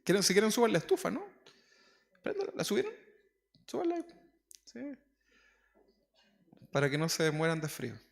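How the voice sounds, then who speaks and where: A Chilean pastor with a high-pitched, gravelly voice preaches a sermon, his pitch swinging widely at a moderate pace with frequent pauses. He talks casually to the congregation and keeps asking them questions. The church hall gives the recording a long reverb.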